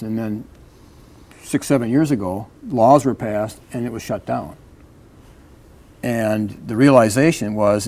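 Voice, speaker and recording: An American man in a casual panel talk, explaining things in a halting way as an advocate on a community show. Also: on the low side, warm tone.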